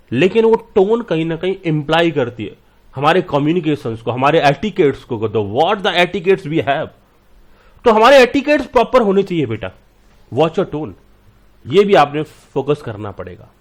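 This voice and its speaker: A man teaching a class and explaining patiently with everyday examples. He speaks to his students fondly and keeps checking that they follow. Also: on the high side. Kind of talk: classroom lecture.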